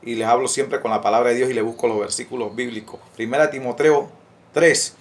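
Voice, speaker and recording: A man's voice: mid-range voice, fairly even intonation, fairly quick. A man giving an earnest, informal sermon, often stopping on fillers and restarts and asking his listeners rhetorical questions. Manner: earnest, repetitive, many hesitant restarts and fillers. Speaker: lay preacher. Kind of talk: informal preaching to camera.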